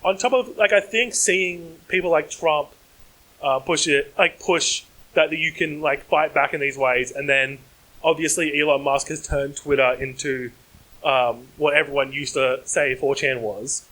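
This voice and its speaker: Bright young man, rambling fast. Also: a little high, steady tone, poor audio. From Australia. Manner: fast, run-on, heavy fillers. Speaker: comedy writer on panel. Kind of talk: panel discussion. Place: conference stage.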